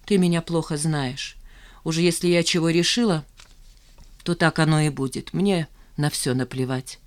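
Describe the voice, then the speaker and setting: A woman's voice: deep voice, normal speed, smooth, close to an everyday voice. A woman reader voicing a bitter, determined woman in her thirties who speaks coldly and harshly. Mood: resolute.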